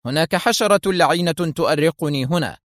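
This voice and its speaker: A man's voice: a little high, a little fast, dry recording, pitched above the performer's own voice, lightly acted. A narrator puts on a scheming office manager, raised a little above his plain voice and courteous on the surface with a sneer underneath. It is read close and dry, like an audiobook character. The menace sits behind good manners. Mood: sly. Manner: smooth and courteous, then sneering.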